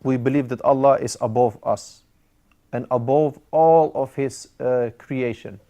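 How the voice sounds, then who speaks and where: A man's voice: mid-range voice, measured pace, mellow, highs cut off. A man teaching an Arabic grammar class, explaining step by step with frequent "uh" fillers and Arabic terms mixed in. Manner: explains step by step, repeating key words.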